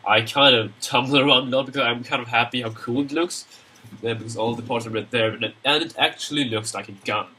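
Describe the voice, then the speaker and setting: A young Swedish man with a Swedish accent narrates a screen-recorded modeling tutorial, rambling chattily with many fillers. He sounds nasal from a cold, and his medium-pitched, husky voice is fast with a sharp tone.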